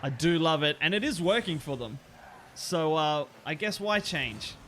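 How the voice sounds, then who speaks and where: Man, esports caster, play-by-play, excitable, faint noise behind. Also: fairly high pitch, a little slow. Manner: excitable, laughs at plays, rises sharply on chances. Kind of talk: play-by-play commentary.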